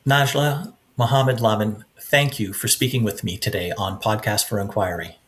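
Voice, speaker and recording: A man's voice: fairly low pitch, steady tone, moderate pace, fairly bright tone. A man hosting an interview podcast, asking long questions with many restarts and fillers. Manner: hesitant, searching for words with many restarts. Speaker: podcast host.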